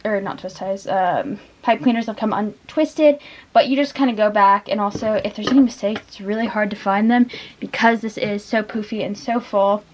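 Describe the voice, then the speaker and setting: A woman's voice: on the high side, muffled recording, slight background noise. A young woman with a stuffy nose from allergies, chatting casually and rambling off-topic while she shows a craft step by step. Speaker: craft vlogger. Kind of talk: casual crafting tutorial chat.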